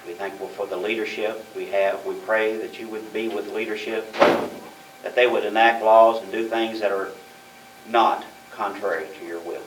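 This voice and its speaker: A man leading a formal public prayer in a measured, solemn, reverent manner. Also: lowish voice, steady tone, far from the mic. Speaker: member leading the opening prayer. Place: meeting room. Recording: echoey room from afar, faint noise.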